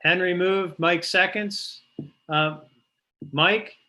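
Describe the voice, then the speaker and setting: A man with a fairly high, very bright voice runs a committee meeting over a conference call. He moderates politely and informally, moving through procedure as the chair. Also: steady tone, takes it slowly. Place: remote online meeting.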